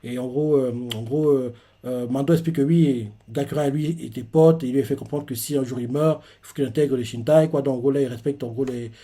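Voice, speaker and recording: A man's voice: mid-range voice, fairly even intonation, a little fast, warm tone, breathy edge. Rambling man recapping a manga chapter. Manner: rambling, constant fillers like "quoi" and "en gros". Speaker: manga reviewer.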